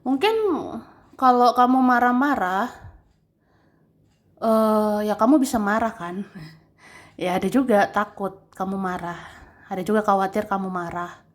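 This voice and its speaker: Slow-talking woman giving a tarot reading. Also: mid-range voice, steady tone. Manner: chatty, gently advising, tags sentences with "ya"; laughs between phrases. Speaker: tarot reader. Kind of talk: casual tarot reading talk.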